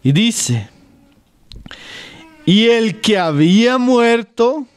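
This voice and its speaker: A man from Colombia preaching an expository Bible sermon, who keeps checking in with the congregation, calling them brother, and drops low at the ends of his phrases. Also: expressive, extremely slow, clear, resonant tone. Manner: keeps asking the flock "¿sí?" and "¿no?", calls them "hermano"; swings between loud quoting and low, trailing phrase ends.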